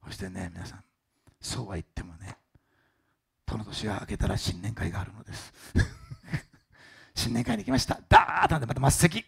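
A male pastor telling a story in a sermon, with a deeply gravelly, husky voice. His pitch swings widely as he dramatizes, animated and expressive. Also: moderate pace, pauses often.

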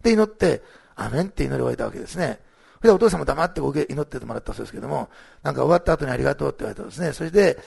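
A man's voice: fairly high pitch, gravelly, breathy edge. A middle-aged male pastor giving church announcements and sharing a testimony, rambling with many fillers and restarts.

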